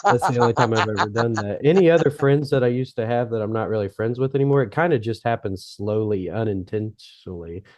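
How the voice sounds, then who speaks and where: An easygoing man telling stories in a casual podcast chat, with plenty of fillers and laughter. His voice sits low for a man. The recording is dull and muffled, yet dry. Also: fairly quick, hardly any pauses, a little mellow, no echo. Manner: easygoing storyteller, laughs often, many fillers.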